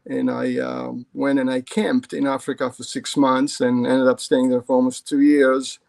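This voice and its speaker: A middle-aged man from Israel, a ceramic artist guest, telling his life story over a video call in a halting way. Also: medium pitch, little pitch movement, vocal fry, darkish tone. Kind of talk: casual storytelling in an interview.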